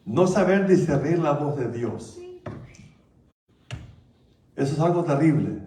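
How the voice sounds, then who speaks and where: High-voiced preaching man in an echoey church. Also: lively intonation, slow, warm tone, slight background noise. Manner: conversational preaching, repeats "¿verdad?" and "con el Señor". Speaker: pastor. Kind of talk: sermon. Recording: echoey church hall, mic at a distance.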